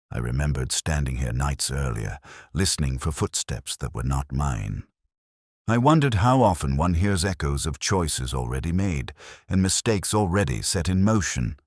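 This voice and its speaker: A man playing a weary, introspective police inspector, narrating his case in a measured, solemn, contemplative literary style. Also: a bass voice, no room sound, clean studio sound, exaggerated voice. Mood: brooding, reflective. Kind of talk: slow literary first-person scripted narration.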